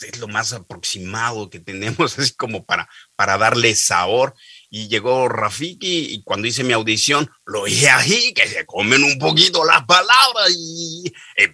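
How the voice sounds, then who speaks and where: A middle-aged man, a voice actor telling stories about his career as an interview guest, lively and repeating words as he thinks. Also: lowish voice, dry recording. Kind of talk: interview storytelling.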